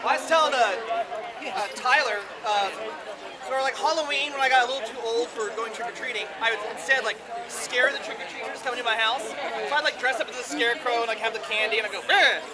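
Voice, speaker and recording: A man with a strikingly high voice works an outdoor festival crowd as a comic host. He jokes and banters loudly. Heavy crowd noise surrounds him. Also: fast. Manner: energetic, joking, loud banter. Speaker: comedy performer and pub crawl host. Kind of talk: comic storytelling and crowd hosting.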